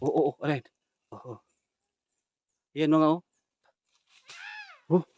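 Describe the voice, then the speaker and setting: A man filming a ghost-hunting vlog outdoors at night on a handheld camera, whispering tense commentary to viewers and now and then shouting at something unseen. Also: a little high, fairly even intonation, slow pace, slightly rough, no room sound, lo-fi sound. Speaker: ghost hunter vlogger.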